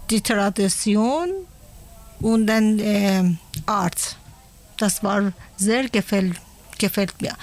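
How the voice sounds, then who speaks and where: A woman from Iran speaks in a casual radio interview. She talks slowly, with pauses and restarts as she searches for words. Her pitch sits at a middle level. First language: Persian. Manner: halting, searching for German words. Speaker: interviewee, mother.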